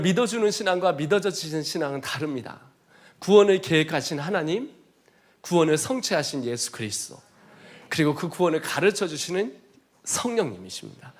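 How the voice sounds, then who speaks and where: A missionary giving a testimony sermon, telling his story in an earnest, emotional way. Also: on the high side.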